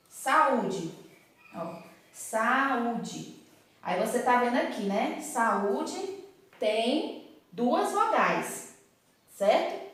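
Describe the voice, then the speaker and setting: A woman teacher explaining a grammar lesson to pupils, asking rhetorical questions and checking in with frequent tag questions. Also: fairly high pitch. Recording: very echoey room, voice from a distance.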